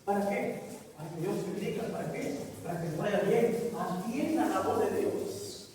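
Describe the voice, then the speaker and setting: A man's voice: sits high, animated, moderate pace, warm tone. A male pastor with a Mexican Spanish accent, fervently preaching a sermon and often calling out to the congregation. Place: church sanctuary. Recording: echoey church hall, from far off, faint noise.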